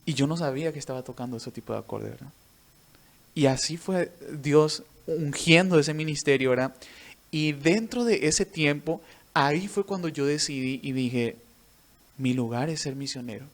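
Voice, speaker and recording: A man's voice: fairly high pitch, expressive, normal speed. A man, a missionary preacher and musician, telling his faith testimony in an earnest storytelling way. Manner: earnest storytelling, tags sentences with a questioning "right?". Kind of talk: personal faith testimony in an interview.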